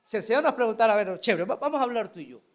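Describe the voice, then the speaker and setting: Animated pastor preaching. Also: male voice, high-pitched, rapid-fire. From Venezuela. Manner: animated preaching, acting out prayers and dialogue. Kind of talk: sermon.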